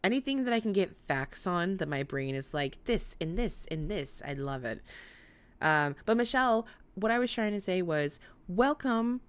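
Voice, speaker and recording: A woman with a speech impediment that turns her R's toward W, chatting casually and excitably to viewers as a livestream host, in a rambling, giggly way. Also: on the low side, normal speed, clear, resonant tone. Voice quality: speech impediment, weak R sounds like W. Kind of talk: casual live chat with viewers.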